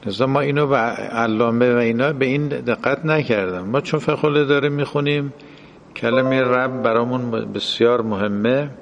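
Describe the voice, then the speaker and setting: A man's voice: mid-range voice, gravelly, in a large hall, a little hiss or hum. A man giving a religious lecture in a classroom style, explaining and translating quoted Arabic phrases.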